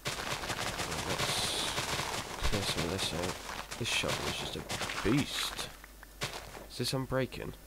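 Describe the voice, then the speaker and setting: This Minecraft let's player takes it slowly, his deep, self-admittedly monotone voice rasping at the ends of words. He meanders, hesitates, and belittles himself through casual commentary while persistent hiss fills the noisy home recording.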